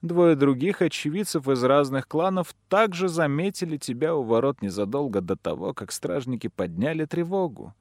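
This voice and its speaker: A man's voice: a little high, animated, moderate pace, few pauses, no echo, studio quality. A man voicing a ruthless, cold chieftain who usurped a clan's throne, speaking in a commanding, mocking manner in an audiobook reading.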